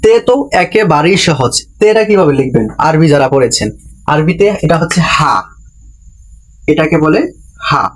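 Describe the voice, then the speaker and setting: Male teacher, somewhat high voice, patient, repeats and quizzes students, classroom lesson delivery. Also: lively intonation, normal speed, pauses often. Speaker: Japanese language teacher. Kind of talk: classroom-style lesson explanation.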